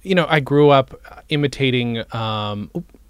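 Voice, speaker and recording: A man hosting a casual podcast interview, enthusiastic and quick to swear. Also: medium pitch, expressive, clean tone, no room sound, studio quality. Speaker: podcast host.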